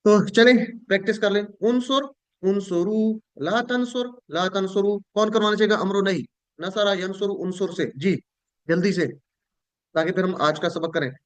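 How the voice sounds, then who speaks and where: A man's voice: sits high, fairly even intonation, moderate pace. A man teaching Arabic verb forms in an online class, drilling students in call-and-repeat, with a Pakistani Urdu accent.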